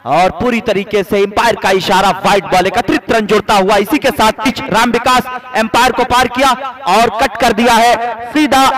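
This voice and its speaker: A man giving excited live cricket commentary and announcing the score in set phrases. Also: very high-pitched, rough recording. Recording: crowd noise around the commentator.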